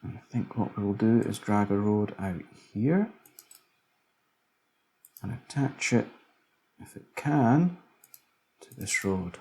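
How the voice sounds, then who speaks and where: A man's voice: fairly low pitch, lively intonation, takes it slowly, long pauses, warm tone. A man casually commentating a city-building game, musing aloud as he builds, tired late at night. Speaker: let's play commentator.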